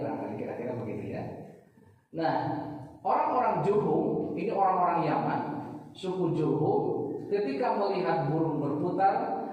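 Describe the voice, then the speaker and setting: A man giving a mosque study lecture, measured and repetitive, often adding a questioning "ya" to check his listeners follow. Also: mid-range voice, darkish tone. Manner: measured, repeats key phrases with a questioning "ya". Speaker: religious teacher. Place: mosque hall. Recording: echoey hall, distant mic.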